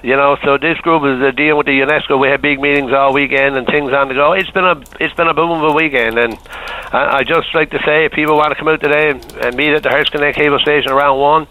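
Radio caller on a phone line. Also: male voice, on the high side, steady tone, fast. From Newfoundland. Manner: folksy, enthusiastic, repeats phrases. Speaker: radio show caller, town councillor. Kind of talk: casual call-in chat.

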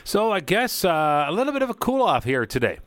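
A man's voice: high-pitched, very animated, brisk. Man hosting morning radio. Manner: informal, conversational. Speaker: radio morning show host. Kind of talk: conversational radio presenting.

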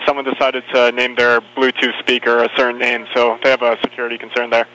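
A man's voice: medium pitch, completely flat delivery, quick pace, pushed and bright, low-quality recording. A man speaking over an air traffic radio transmission, hesitant with fillers. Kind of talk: radio exchange.

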